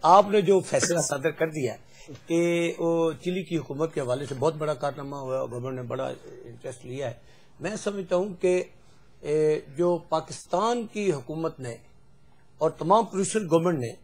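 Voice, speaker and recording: A man, a politician on a talk show, speaking hesitantly with many drawn-out fillers. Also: on the high side, a little mellow. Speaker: politician guest. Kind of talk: political debate.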